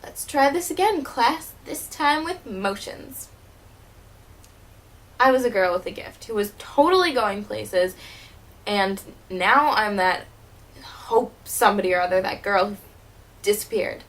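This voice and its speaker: A woman playing a wounded, wry teenage girl who was once a child stage performer, delivering a dramatic monologue in a bitter, halting way. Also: mid-range voice, fairly bright tone, close to an everyday voice, rough recording. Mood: hurt, bitter. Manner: bitter, hurt, halting with repeated words.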